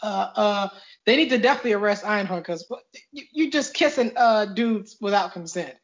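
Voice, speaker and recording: Talking a little fast in a high, animated voice, a man hosts a podcast's casual review chat by video call, rambling and making self-deprecating remarks. The call audio sounds dull and lo-fi.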